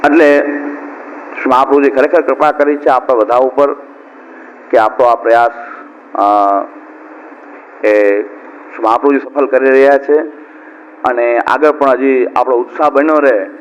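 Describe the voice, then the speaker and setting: A man's voice: mid-range voice, steady tone, a little slow, pauses often, big-room sound. A middle-aged man giving a devotional discourse as a preacher, talking in a conversational way and repeating points for emphasis. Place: discourse hall at a religious camp. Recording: dull lo-fi with faint hiss.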